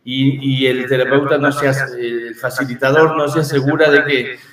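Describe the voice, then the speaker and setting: A man's voice: medium pitch, little pitch movement, moderate pace, crowd noise. Man telling a story, echoey distant sound. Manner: reflective, frequent fillers like "este". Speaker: therapist and guest. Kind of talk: casual storytelling interview. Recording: echoey room, distant from mic.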